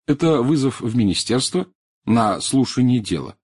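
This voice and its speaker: A man voicing a calm, stubborn male ministry official in a measured, formal way. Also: medium pitch, husky, dry recording, studio quality, pitched above the performer's own voice. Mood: guarded.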